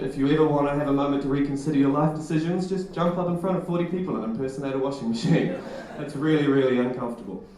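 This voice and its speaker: A young man gives a comic, self-deprecating talk on stage at a live event, heard through an echoey hall. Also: a little high. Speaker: presenter.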